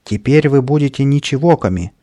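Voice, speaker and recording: A man voicing a capricious little boy who rules a band of silly creatures, shouting his demands in a raised, pushy voice. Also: mid-range voice, lively intonation, moderate pace. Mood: bossy shouting. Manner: loud, stamping, demanding. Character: bossy capricious little boy, petty tyrant leader.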